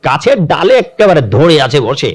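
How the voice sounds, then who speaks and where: High-pitched holy man telling a religious tale, lively, keeps asking listeners hm?. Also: normal speed, slightly rough. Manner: animated, checks in with listeners. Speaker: sadhu storyteller. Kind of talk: devotional storytelling sermon.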